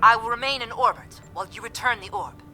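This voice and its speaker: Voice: mid-range voice, fast talker, music in the background, close to an everyday voice. A voice actor voicing a starship officer in a video game, matter-of-fact. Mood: steady.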